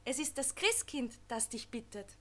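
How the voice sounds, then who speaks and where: A curious young angel keeps asking questions in a storybook, as a woman puts him on. The voice is bright and inquisitive. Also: a little high, sing-song, normal speed, heavily acted.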